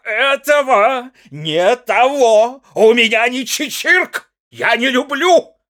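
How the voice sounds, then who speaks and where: A slightly drunk, bullying husband bellows at his wife, as a male reader puts him on. His voice climbs far above a normal speaking pitch into loud, strained yells. He drags out his threats slowly, ranting without letup. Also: no room sound, clean studio sound, exaggerated voice. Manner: shouting, berating, high strained yells. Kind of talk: dramatic audiobook reading.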